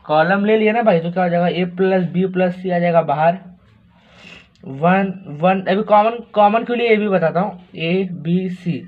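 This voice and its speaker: A man teaching math, talking through each step in a chatty way and asking the class rhetorical questions. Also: high-pitched. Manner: chatty, asks rhetorical questions, repeats words. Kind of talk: explaining math steps on a board. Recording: tinny phone-like audio.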